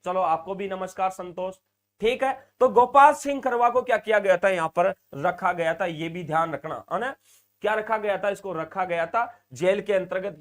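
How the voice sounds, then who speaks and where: High-voiced teacher. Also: male voice, a bit bright. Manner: repetitive, stresses points, reads out viewer comments. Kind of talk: live online exam-prep class.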